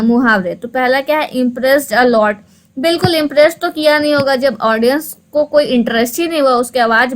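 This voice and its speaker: A woman teaching English for exams, who asks and answers her own questions, repeats key points, and reads the English options slowly, word by word. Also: high-pitched, rough recording. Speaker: English teacher for exam prep. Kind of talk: explanatory online lesson.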